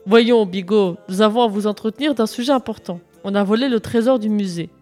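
A woman's voice: mid-range voice, brisk, a little mellow, soft background music, natural voice. A woman playing a stern village police sergeant. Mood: formal. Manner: stern, commanding.

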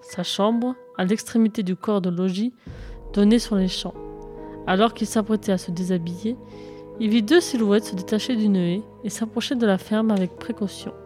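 A woman narrating a children's story in a lively, expressive read-aloud manner. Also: mid-range voice, moderate pace, soft background music.

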